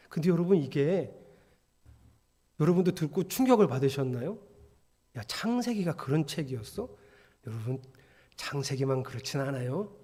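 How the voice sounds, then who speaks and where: High-voiced pastor in a reverberant church hall. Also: male voice, darkish tone. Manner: conversational, asks the congregation questions; acts out quoted voices of students and readers. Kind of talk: sermon. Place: church sanctuary.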